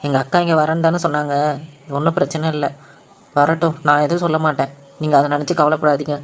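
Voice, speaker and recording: A performer voicing a sly, scheming young man in a cartoon comedy, smooth-talking and full of false kindness. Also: mid-range voice, level tone, fast talker, close to an everyday voice.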